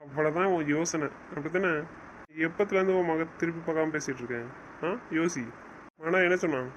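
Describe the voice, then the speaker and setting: A man acts out an audio drama with a stern, commanding tone, scolding at a fast clip. His voice sits high for a man. The recording is dull and lo-fi. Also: slight background noise. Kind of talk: casual audio drama acting.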